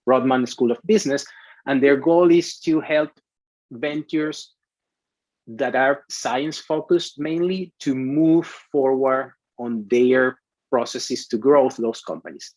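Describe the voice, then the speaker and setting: A man who grew up in Venezuela talks through his career in an interview, often pausing on fillers and repeating words. His voice sits at a middle pitch. The recording is dry, with no room echo. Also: darkish tone. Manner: hesitant, many restarts and fillers. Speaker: CTO, interview guest. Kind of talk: conversational interview.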